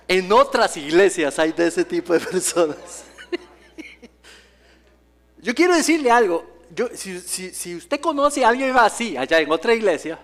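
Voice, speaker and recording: A man's voice: high-pitched, fairly bright tone. A male pastor preaching a sermon in a church, telling stories with humor and acting out the voices he quotes. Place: church sanctuary.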